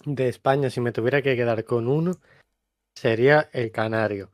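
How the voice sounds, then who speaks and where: A man's voice: mid-range voice, normal speed, dry recording, clean studio sound. A man with a Melillan Spanish accent, co-hosting a podcast in an easygoing way with frequent chuckles. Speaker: podcast co-host. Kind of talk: casual chat.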